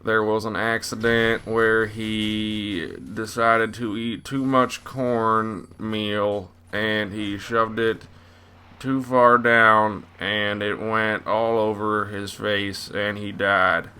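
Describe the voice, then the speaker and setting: A man voicing a mock-solemn Southern preacher man with a put-on Southern US accent, delivering a eulogy slowly and preachily. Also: lowish voice, level tone, bright, forceful tone, smooth. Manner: slow, drawn-out, preachy delivery.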